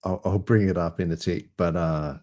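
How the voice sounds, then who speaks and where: Low-voiced man hosting. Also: normal speed. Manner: relaxed, rambling, laughs easily. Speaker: host. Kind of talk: casual livestream chat.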